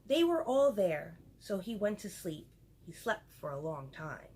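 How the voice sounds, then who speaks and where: A woman's voice: mid-range voice, big pitch swings, unhurried, a little mellow, a little hiss or hum. A woman reading a picture book aloud to children and adding chatty asides to her listeners. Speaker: storyteller for children.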